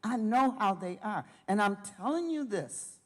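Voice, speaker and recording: A woman's voice: medium pitch, animated, a little slow. A middle-aged or older woman giving earnest, emphatic public comment at a school board meeting. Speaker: public commenter, teacher aide.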